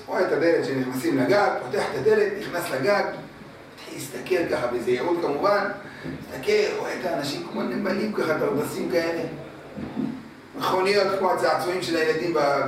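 High-voiced man telling a parable, very echoey. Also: slight background noise. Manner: lively storyteller, repeats words for effect. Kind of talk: religious storytelling sermon. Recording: very echoey room from a distant mic.

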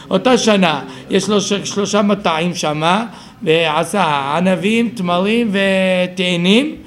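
A man teaching a Talmud study class, explaining the text aloud and thinking it through with self-corrections. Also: high-pitched.

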